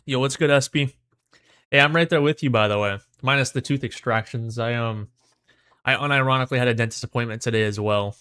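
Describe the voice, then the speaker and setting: A man's voice: medium pitch, fairly quick, sharp tone, smooth, dry recording. A man livestreaming in casual, slangy, laid-back chat, his mouth numb from the dentist. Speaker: livestream host.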